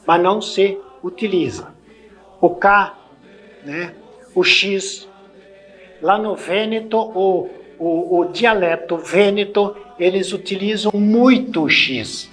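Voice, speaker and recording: A Brazilian language teacher with a Brazilian Portuguese accent speaks slowly in a high, fairly bright voice, with faint music in the background. He spells out letters and sounds one at a time and often tacks on tag questions.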